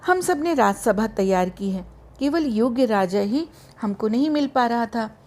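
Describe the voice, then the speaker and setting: A woman's voice: on the high side, animated, measured pace, a little mellow. A woman reading the lines of a boy who plays a royal minister, in a mock-formal, scolding way.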